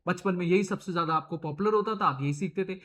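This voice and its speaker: A man's voice: high voice, fast, fairly bright tone, slight background noise. A male accounting teacher with an Indian accent giving a chatty online lecture, teasing and addressing students affectionately. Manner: chatty, teasing, calls students beta and babu.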